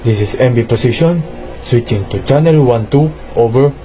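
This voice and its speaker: A man's voice: medium pitch, moderate pace, natural voice. A man playing a ship's officer calling port in a scripted marine radio exchange, formal and orderly. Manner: formal, spells numbers out digit by digit. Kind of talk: scripted marine radio communication, procedural phrases.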